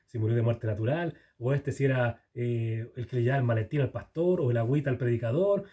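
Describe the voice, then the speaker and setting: A man's voice: medium pitch, quick pace, dark tone. A man teaching a Bible passage verse by verse, chatting with the listeners, asking them questions and often correcting himself. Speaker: preacher.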